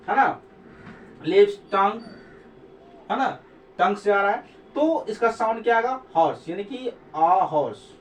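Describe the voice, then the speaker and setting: A man's voice: high-pitched, a bit bright, roomy sound, far from the mic, slight background noise. A man teaching English grammar in a classroom-style lecture. He spells words out letter by letter, repeats them, and keeps asking the class to answer. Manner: asks the class questions and urges them to answer.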